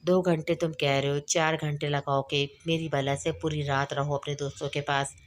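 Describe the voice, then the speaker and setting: A woman's voice: low-pitched, level tone, moderate pace, slight background noise, lightly acted. Woman reading as a defensive young wife. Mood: sulking. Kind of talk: audiobook novel reading.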